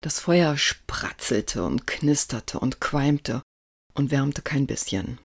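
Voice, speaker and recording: A narrator reading a story aloud in a calm, even storytelling manner. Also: mid-range voice, takes it slowly, husky, dry recording, studio quality.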